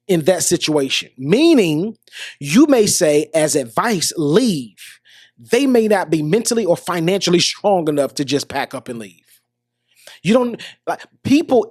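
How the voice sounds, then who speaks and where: A man's voice: on the high side, a little mellow, no echo, studio quality. An American man hosting a podcast, talking through relationship advice in an earnest, repetitive motivational monologue. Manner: earnest, repeats himself, restarts phrases. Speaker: podcast host.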